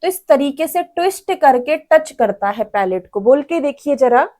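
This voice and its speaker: A woman's voice: high voice, expressive, normal speed, dark tone. A woman teacher giving an exam-prep lecture. She explains patiently, sounds out each syllable and has students repeat after her. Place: teaching room with a board.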